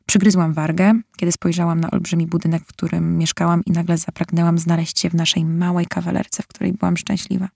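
Młoda kobieta czyta powieść w pierwszej osobie, emocjonalnie i z goryczą. Jej głos jest chropawy, z wyraźnym trzeszczeniem, a nagranie suche, bez pogłosu, tuż przy mikrofonie. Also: female voice, lowish voice, level tone, fairly quick, creaky, hardly any pauses, a little mellow, slightly rough, no room sound, studio quality. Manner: emotional, bitter. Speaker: audiobook narrator. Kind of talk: first-person novel narration.

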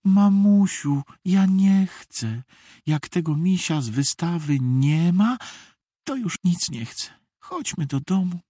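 Storybook: a reader putting on a sad little girl, soft and slow, husky. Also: mid-range voice, expressive, no room sound, studio quality, pitched above the performer's own voice. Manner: soft, pleading. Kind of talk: storybook reading.

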